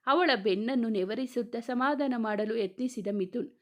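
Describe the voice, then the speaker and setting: A woman storyteller giving a measured scripted narration of a romance story. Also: fairly high pitch.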